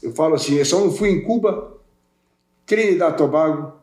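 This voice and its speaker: A man's voice: fairly high pitch, a little fast, a little mellow. An older man from Portugal raised in Brazil, chatting as a podcast guest in a rambling way, repeating and restarting words. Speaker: podcast guest, welding specialist. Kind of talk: casual interview chat. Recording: roomy echo.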